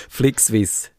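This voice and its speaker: A man's voice: warm tone, dry recording. A man with a Swiss German accent co-hosting a casual tech radio chat, chatty and hesitant, laughing often. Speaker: radio tech show co-host.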